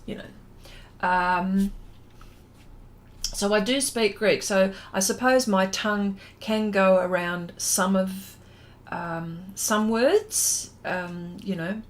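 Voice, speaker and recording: Her voice is mid-range and she takes it slowly. A middle-aged Australian artist, she hosts a casual livestream chat, reading out comments and answering them while rambling and trailing off.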